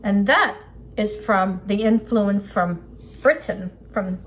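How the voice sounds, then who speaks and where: A woman speaks slowly in a mid-range voice, casually demonstrating cooking as an instructor. She explains every step as she works with her hands at an indoor work table, and kitchen sounds are clearly audible in the background.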